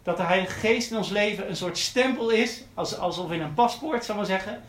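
A man's voice: high voice, brisk, a bit bright, echoey room, low-quality recording. A man preaching a sermon, earnest and repeating his key phrases for emphasis. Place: church.

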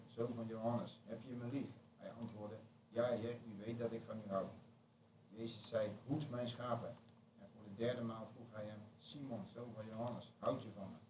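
A man reading a Bible passage aloud in a steady, measured way, recorded from far off in an echoey church hall. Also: on the low side. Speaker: scripture reader. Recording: echoey room from far off, noisy.

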